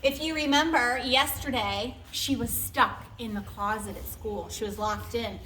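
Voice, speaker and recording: A woman teacher reading a storybook aloud in an expressive way, adding chatty asides. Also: on the high side, a little slow, roomy sound, slight background noise.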